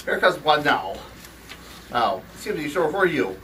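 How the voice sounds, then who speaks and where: Man, puppet show host, rambling, lively pitch, distant noisy recording. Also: normal speed. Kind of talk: homemade puppet show narration. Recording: distant mic, noisy background.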